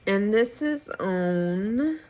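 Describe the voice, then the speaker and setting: An American woman showing her needlework at home in a relaxed, meandering way with pauses and restarts. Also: medium pitch. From United States. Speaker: flosstube host. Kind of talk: casual show-and-tell chat.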